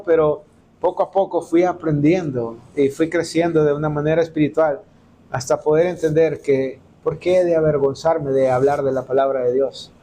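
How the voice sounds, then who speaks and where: A man from El Salvador delivers a sermon, his voice sitting a little high for a man. He tells stories from his own life and acts out the dialogue in them. There's a faint hiss of background noise in the church. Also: mellow. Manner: storytelling, acts out quoted dialogue. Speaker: preacher. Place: church hall.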